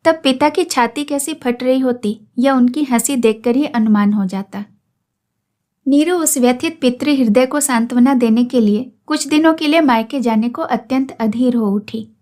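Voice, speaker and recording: A woman storyteller reading a classic story aloud in a steady, measured narration. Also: high-pitched.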